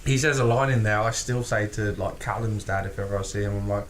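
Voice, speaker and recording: This British man talks fast in a fairly low voice while co-hosting a casual podcast. Animated and sweary, he laughs frequently and acts out quotes, with slight noise in the background.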